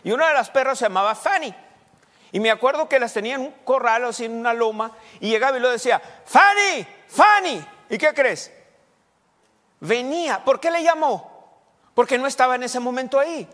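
In a church hall with long reverb, a male pastor with a very high, slightly bright voice preaches briskly. His sermon is folksy and conversational, full of repeated words and questions put to the congregation.

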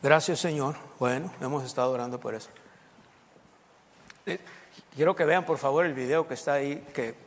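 A man's voice: mid-range voice, normal speed, long pauses, big-room sound, slight background noise. A man preaching a sermon, telling a story and acting out its dialogue. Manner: animated storyteller, acts out dialogue.

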